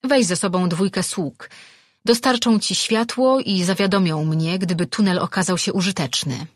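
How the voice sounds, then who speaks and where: A man's voice: high voice, moderate pace, no echo, clean studio sound. A man voicing a commanding holy woman leader who gives orders.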